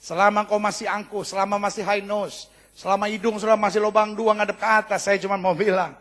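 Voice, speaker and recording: A male pastor with a high voice preaches with rising emphasis and calls on the congregation to respond. He acts out people's prayers and complaints in a teasing way and drops English phrases into his sermon. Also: level tone, brisk, fairly bright tone.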